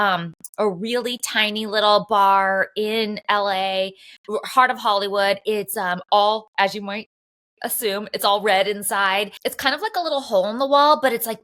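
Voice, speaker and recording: Her voice sits in the middle range with a slightly bright quality. As a podcast co-host in a Los Angeles–area home, she chats casually and rambles through a story, filling it with constant "like"s.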